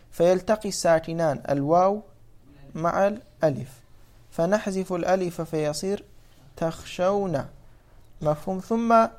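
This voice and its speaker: A man gives a patient grammar lesson at an unhurried pace. He repeats each rule and keeps stopping to check that his students follow. When he reaches a word form, he slows almost to a crawl to spell it out. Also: fairly high pitch, darkish tone. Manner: patient explaining, repeating rules, often checking understanding. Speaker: Arabic grammar teacher. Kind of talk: classroom lesson on Arabic morphology.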